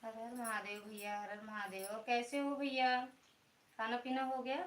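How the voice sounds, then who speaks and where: A woman with an Awadhi accent hosting a casual live stream from home, greeting viewers one by one with religious salutations in a loud, chatty voice. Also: a little high, level tone, normal speed, roomy sound, a little hiss or hum. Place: indoors at home, in a room.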